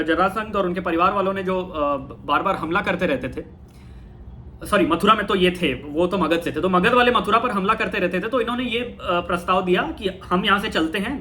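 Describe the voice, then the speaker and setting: A man giving a casual talk on spirituality, thoughtful, pausing and correcting himself often. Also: sits high, bright, forceful tone, slight background noise. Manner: thoughtful, with frequent fillers and self-corrections. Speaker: talk host.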